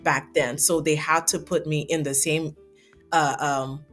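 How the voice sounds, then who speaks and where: A woman from Gambia, a guest in a casual interview, telling her story in a lively, laughing way. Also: deep voice, a little slow, faint music behind.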